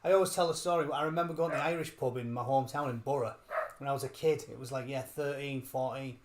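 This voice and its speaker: With background noise behind him, an English interview guest talks quickly in a mid-range voice with fairly even intonation. The chat is casual, and he's chatty and happily profane, labeling himself a gobshite.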